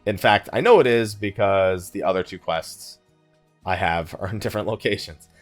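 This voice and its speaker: A gaming YouTuber hosting a let's play offers casual commentary in a low-pitched voice at normal speed, with faint music in the background. He thinks aloud in a wry, conversational manner.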